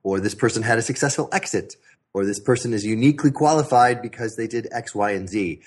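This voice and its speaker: A low-pitched man with a husky, slightly breathy voice explains how founders should pitch investors. His delivery is energetic and emphatic as he stacks up examples as an interview guest. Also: fast talker. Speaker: pitch coach for entrepreneurs.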